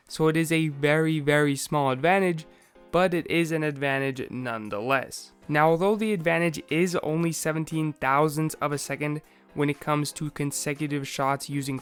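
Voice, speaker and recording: A man with a slightly raspy voice, recovering from a sore throat, methodically narrating a scripted video game explainer. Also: fairly high pitch, fairly bright tone.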